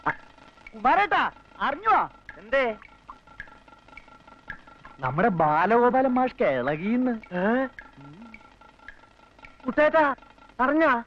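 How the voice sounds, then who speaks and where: A gossipy village tea-shop man eagerly passes on the latest news. His voice sits high and swoops widely. Faint noise lies under the dull, lo-fi film soundtrack. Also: wildly swooping pitch, slow pace, long pauses, a bit bright, full character voice. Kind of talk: 1980s film drama.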